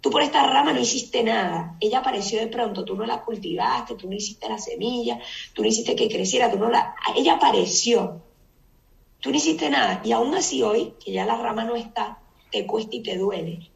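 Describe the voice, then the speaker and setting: A woman voicing God as a patient father who reasons gently with his sulking prophet. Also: a little high, moderate pace, creaky. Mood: gently reproaching. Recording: echoey room, distant mic.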